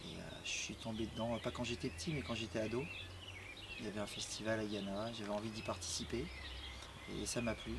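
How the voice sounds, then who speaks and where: A man's voice: fairly low pitch, flat delivery, quick pace, background noise. A man in his forties, a schoolteacher volunteering at a festival, answering interview questions thoughtfully with hesitant fillers. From France. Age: 40s.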